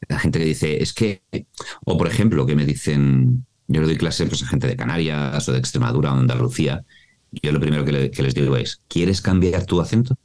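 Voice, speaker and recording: A man from Mallorca with a Spanish accent from Spain, a voice-over artist and coach explaining things expressively in a podcast interview, often checking in with a quick "¿vale?". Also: extremely low pitch, a little mellow. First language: Mallorcan Catalan alongside Spanish.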